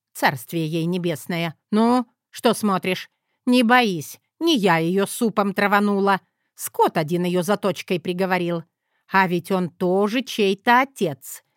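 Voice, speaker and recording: A brusque, commanding old mother from an audiobook, protective and sharp-tongued, as a woman reader puts her on. She snaps orders in a loud, raised voice. The recording is dry and close. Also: mid-range voice, no room sound, close to an everyday voice.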